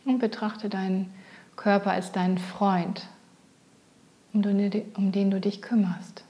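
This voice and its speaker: Female meditation guide, gentle spa-like soft whisper, dark mellow timbre, very leisurely pacing. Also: medium pitch, little pitch movement. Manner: soft, breathy near-whisper; gentle, soothing, unhurried.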